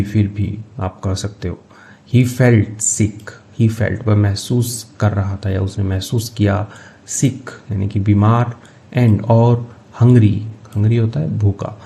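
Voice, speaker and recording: A man teaching English, reading each phrase of a story slowly and then explaining it. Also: fairly low pitch, gravelly, mellow. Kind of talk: line-by-line translation lesson.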